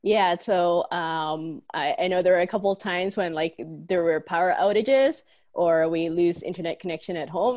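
A woman's voice: on the low side, darkish tone, no room sound. A woman from Hong Kong working from home, talking in a casual podcast with plenty of "like" and "um" fillers. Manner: chatty, leans on "like" and "um" fillers. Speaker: online learning lead and co-host. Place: home office.

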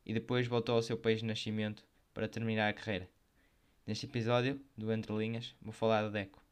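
A man with a European Portuguese accent hosting and narrating football biography in a semi-scripted, measured way. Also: on the low side, little pitch movement, noisy background. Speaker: host of a football history programme.

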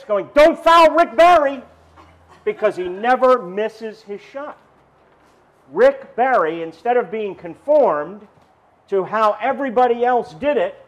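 A man's voice: sits high, highs cut off. A male pastor preaching a sermon outdoors, telling stories and asking the congregation questions. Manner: animated storytelling preacher, asks the congregation questions.

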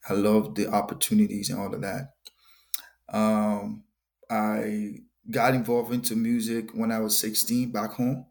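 A man's voice: on the low side, monotone, unhurried, creaky, a little mellow. A young Liberian man with a Liberian accent, a gospel musician talking earnestly in a podcast interview and often repeating words. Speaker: gospel musician and worship leader.

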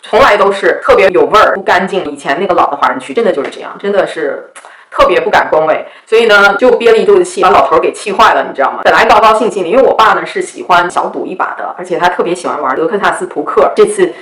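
A woman's voice: fairly low pitch, animated, fast, a bit bright, reverberant, rough recording. A woman telling stories to her viewers in a casual, chatty way, often asking "you know?". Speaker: vlogger. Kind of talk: casual storytelling.

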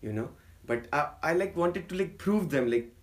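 Slangy Pakistani-born podcast host. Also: male voice, fairly high pitch, lively intonation, moderate pace. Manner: slangy, many fillers like "yo" and "fam". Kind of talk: casual chat.

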